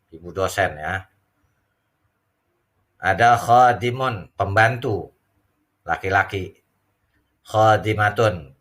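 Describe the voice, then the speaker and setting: Slow low-voiced guy teaching, bright edge, drawing out example phrases. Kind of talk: classroom lesson explanation.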